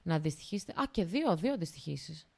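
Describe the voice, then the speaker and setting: A woman's voice: low-pitched, sing-song, creaky. A young woman hosting a podcast, chatting casually, laughing often and using slang. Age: young adult. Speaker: podcast host. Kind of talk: casual chat.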